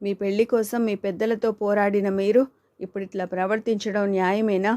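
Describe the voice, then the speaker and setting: A woman's voice: medium pitch, little pitch movement, brisk, natural voice. A woman voicing Kanchana, an outspoken young woman who scolds and urges her friend, in an audiobook reading. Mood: arguing. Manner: scolding, urging, sharp retorts.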